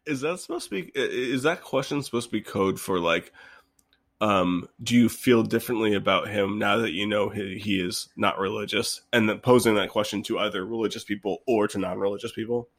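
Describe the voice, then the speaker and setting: A man's voice: lowish voice, a little fast. A man co-hosting a casual book podcast, joking and rambling with frequent restarts. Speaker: podcast co-host.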